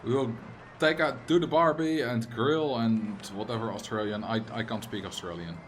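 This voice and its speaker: A young native Dutch speaker from the Netherlands, with a Dutch accent, casually comments on a game during his live stream, reading viewer chat aloud, joking back, and sometimes erupting into loud, exasperated rants. His voice is mid-range at a normal speed, with slight background noise.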